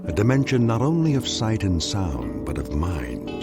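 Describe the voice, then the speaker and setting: A man playing a solemn anthology narrator in a radio drama, speaking slowly and ominously. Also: on the low side, wildly swooping pitch. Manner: slow, ominous, measured delivery. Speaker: series narrator. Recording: heavy music beneath.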